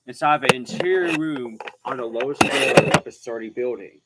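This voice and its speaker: A man hosting amateur live severe weather coverage, relaying terse radio-style updates in a halting way, often repeating and restarting his phrases. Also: medium pitch, very noisy. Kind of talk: improvised live storm coverage commentary.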